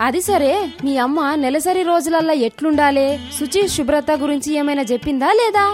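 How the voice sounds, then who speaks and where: A woman's voice: sits high, brisk, soft background music, natural voice. A woman playing a caring middle-aged village aunt with a Telangana accent, coaxing and reassuring a young girl in a motherly way. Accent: Telangana Telugu. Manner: warm, coaxing, motherly questioning. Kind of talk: radio drama acting.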